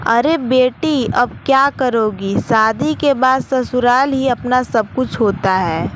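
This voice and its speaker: A woman voicing a gentle, caring middle-aged mother who gives soothing advice. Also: a little high, slow pace. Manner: soothing, advising. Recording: noisy with traffic outside.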